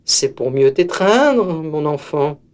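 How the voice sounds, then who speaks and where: A man voicing a sly, hungry wolf pretending to be a grandmother in a storybook, speaking in a soft, coaxing way. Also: fairly high pitch, sing-song, takes it slowly, smooth.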